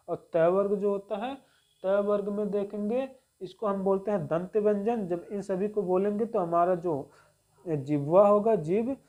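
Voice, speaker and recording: A man teaching the Hindi alphabet, slowly sounding out each letter and repeating key points. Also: high-pitched, dark tone. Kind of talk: Hindi grammar lesson.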